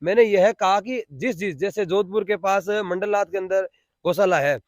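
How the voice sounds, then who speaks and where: A man with a Rajasthani accent, a volunteer at a cow shelter, gives spontaneous interview answers, explaining things and repeating phrases for emphasis. His voice sits high with a darkish tone at normal speed, captured in a dry, studio-quality recording.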